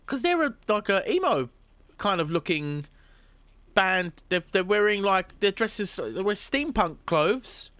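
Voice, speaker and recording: A man's voice: high voice, sing-song, a little slow, fairly bright tone, no echo. A man co-hosting a podcast, chatting casually with wry, rambling musings full of hesitations. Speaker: podcast co-host. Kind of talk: casual chat.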